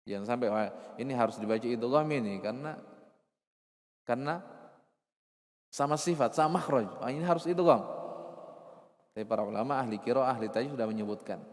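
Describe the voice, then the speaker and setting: A man teaching recitation rules, explaining with rhetorical questions and repeating key terms, sometimes slowly chanting verses. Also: on the low side, in a large hall. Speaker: Arabic and Quran recitation teacher.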